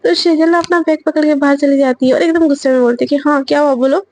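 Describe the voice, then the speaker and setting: A woman's voice: sits high, steady tone, quick pace, a little mellow, no echo. A woman narrating a romance story episode in a chatty retelling manner.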